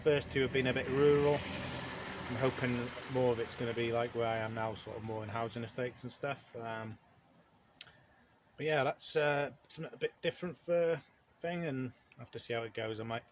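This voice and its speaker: A man's voice: medium pitch, steady tone, moderate pace, a little hiss or hum. A man, a van courier, chatting casually to camera in a rambling way with lots of ums. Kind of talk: casual vlog talk to camera.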